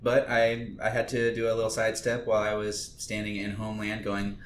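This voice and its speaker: A man's voice: monotone, brisk. A man hosting a casual podcast, telling rambling, laid-back stories with the odd swear word. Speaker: podcast host. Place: home kitchen studio. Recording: echoey room with faint rumble.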